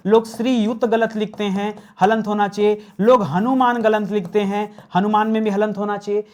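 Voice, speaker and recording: A man's voice: high voice, a little mellow. A man teaching an online grammar class. He asks his viewers questions, answers them himself and repeats the key words.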